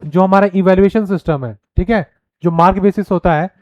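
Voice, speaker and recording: A man giving a recorded pedagogy lecture, explaining point by point and checking in with listeners, reading headings slowly. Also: high-pitched, darkish tone, no room sound, highs cut off. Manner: reads headings slowly and deliberately. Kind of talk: recorded lecture, mixing Hindi and English.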